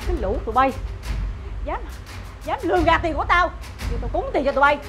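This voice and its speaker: Actress as middle-aged mother-in-law, high and lively, scolding; web drama with music bed. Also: fast talker. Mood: furious. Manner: scolding, shrill outbursts. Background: background music.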